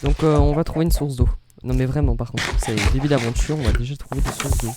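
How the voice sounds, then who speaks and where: A man's voice: medium pitch, steady tone, fast talker, very noisy. A man hosting a casual let's-play, rambling in self-interrupting, jokey asides as he comments on his game. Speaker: gaming channel host.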